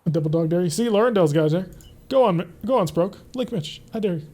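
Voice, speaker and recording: A young man streams a mech strategy game, talking fast in a high, animated, warm voice. He gives casual, chatty gameplay commentary, reading and answering his live chat as he plays.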